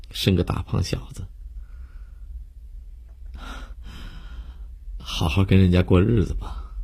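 A man's voice: low-pitched, gravelly, a little mellow, husky, pitched above the performer's own voice, full character voice. A man voicing the tearful ghost of a young man saying farewell in a told story, his words choked and broken.

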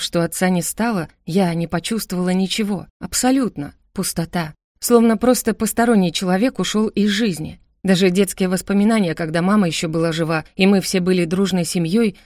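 A woman narrating a first-person audiobook story in a steady, reflective way into a close studio mic. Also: mid-range voice, no echo.

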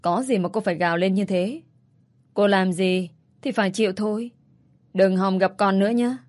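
A woman's voice: mid-range voice, normal speed, darkish tone, close to an everyday voice. A woman voicing a cold, contemptuous middle-aged man who speaks curtly in a narrated story. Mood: scornful. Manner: scornful, curt.

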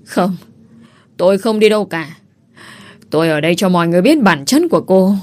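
A woman voicing a scheming young pregnant village woman who wails and pleads loudly. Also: on the low side, a little fast, close to an everyday voice. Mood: wailing. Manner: loud, wailing, pleading.

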